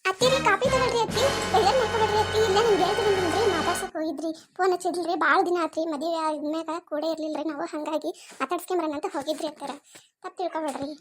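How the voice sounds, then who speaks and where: A woman's voice: very high voice, racing, over music. A woman voicing a young modern daughter-in-law with a North Karnataka Kannada accent, speaking politely and pleading.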